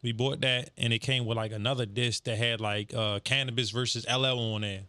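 Bright-voiced man chatting casually, dry sound. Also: medium pitch, steady tone, brisk, clean tone, dry recording. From Baltimore area. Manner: thinking aloud, recalling details. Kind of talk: casual chat.

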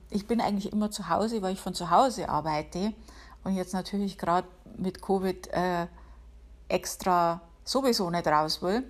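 Chatty woman hosting a podcast. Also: fairly low pitch. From Upper Palatinate, Bavaria, Germany. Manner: chatty and self-ironic, with many fillers. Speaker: podcast host. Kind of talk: casual solo podcast monologue. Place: home, working from home.

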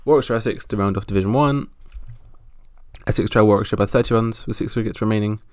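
Male podcast host, low gravelly voice, wry and halting, casual sports roundup, close dry sound. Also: no echo.

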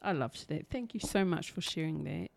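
Low-voiced Kiwi woman, enthusiastic. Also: normal speed, creaky, no room sound. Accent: broad New Zealand. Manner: enthusiastic, slangy. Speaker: podcast co-host. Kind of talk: casual podcast chat.

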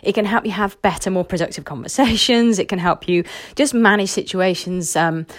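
A woman's voice: medium pitch, brisk, dry recording. Chatty woman coach, dry close sound. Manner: chatty storytelling with many fillers and restarts. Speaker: career coach. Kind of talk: casual talking-to-camera advice.

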